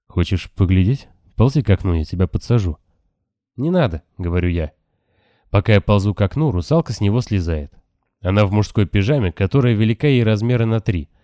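A man reading a novel aloud in calm, even first-person audiobook narration. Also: lowish voice, dry recording, clean studio sound. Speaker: audiobook reader. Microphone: close, dry home recording.

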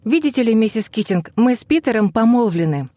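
A man's voice: sits high, moderate pace, a little mellow, no room sound, pitched above the performer's own voice, natural voice. A man reading an audiobook, voicing an anxious, flustered young woman who chatters breathlessly. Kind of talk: audiobook character voice.

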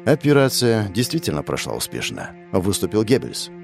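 A man narrating an audiobook in a measured, expressive storytelling manner. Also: fairly low pitch, gravelly, faint music behind. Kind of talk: audiobook reading of a crime novel.

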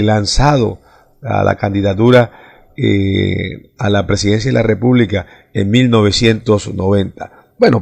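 A man hosting a radio music program, giving a measured scripted narration with occasional hesitations. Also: medium pitch, vocal fry, darkish tone. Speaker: radio music show host.

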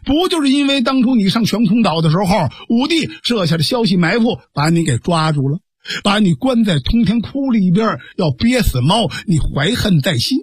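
男说书人演的 粗直鲁莽的江湖汉子. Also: male voice, high-pitched, big pitch swings, moderate pace, no room sound, clean studio sound, exaggerated voice. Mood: accusing. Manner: gruff, teasing and accusing. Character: blunt hot-headed male martial hero, middle-aged. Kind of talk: traditional storytelling.

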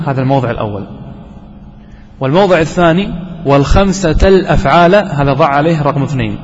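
A man's voice: fairly high pitch, darkish tone, slight background noise. Man teaching grammar in an echoing hall. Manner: explains step by step with questions to students. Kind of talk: classroom lesson. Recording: dull lo-fi recording with long reverb in a hall.

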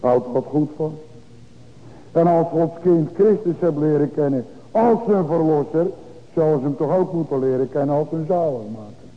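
A man, a pastor preaching a Reformed sermon to his congregation. He asks rhetorical questions and answers them, swinging between raised exclamations and quiet low drops. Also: normal speed. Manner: addresses the congregation directly. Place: church. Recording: dull lo-fi church recording with long reverb.

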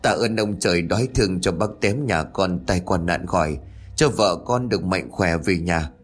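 A man's voice: low-pitched, normal speed, husky, faint music behind. A man voicing a pious middle-aged village father who speaks tearfully and pleadingly.

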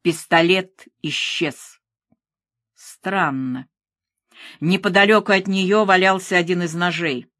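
A woman narrating a thriller audiobook in a measured, even reading. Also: lowish voice, dry recording, clean studio sound.

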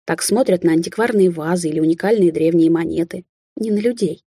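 A woman's voice: fairly low pitch, a little fast, warm tone, slightly rough, dry recording, clean studio sound. A woman narrating a fantasy audiobook in the first person.

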